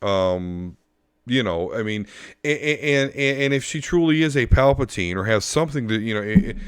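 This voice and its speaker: A man co-hosting a podcast in casual chat, laid-back and thinking aloud with pauses. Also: mid-range voice, animated, clean tone, no echo, studio quality. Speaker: podcast co-host.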